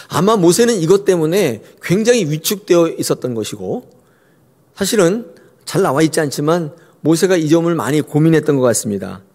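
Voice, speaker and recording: Male pastor, sermon, lively pitch, slightly high voice, long church hall reverb. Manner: expressive preaching, addresses the congregation directly.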